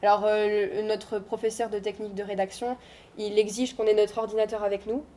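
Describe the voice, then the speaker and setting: A young adult woman, a student, giving an informal, reassuring talk to high schoolers in a school room, hesitating often with fillers. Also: flat delivery, a little fast, mellow, slight background noise. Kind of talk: informal presentation.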